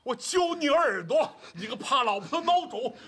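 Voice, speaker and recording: A man's voice: high-pitched, huge pitch swings, normal speed, slightly rough, exaggerated voice. A fiery scolding old village man. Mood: furious. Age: older. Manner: scolding, loud. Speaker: elderly uncle. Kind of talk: rural film drama. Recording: film soundtrack with loud music.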